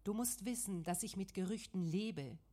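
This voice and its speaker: A woman reading the lines of an angry, grieving man who accuses and defies, loud and bitter, in an audiobook. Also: medium pitch, moderate pace, lightly acted. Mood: angry, accusing.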